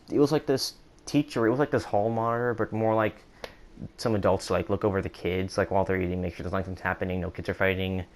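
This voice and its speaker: Rambling young man telling a story. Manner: rambling, with many restarts and acted-out quotes in a higher voice. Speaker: vlogger. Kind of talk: casual storytime monologue.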